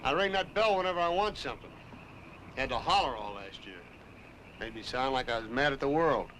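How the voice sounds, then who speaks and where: An actor playing a blunt, commanding middle-aged date farmer in a 1960s TV drama. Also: male voice, mid-range voice, expressive, brisk, a bit bright, slight background noise, close to an everyday voice, rough recording. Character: gruff middle-aged male date farmer, bossy, possessive. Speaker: ranch owner.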